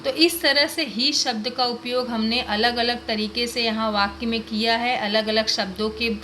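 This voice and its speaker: A woman's voice: fairly high pitch, fairly even intonation, normal speed, pushed and bright, a little hiss or hum. A woman teacher giving a grammar lesson to children, explaining patiently and asking them questions.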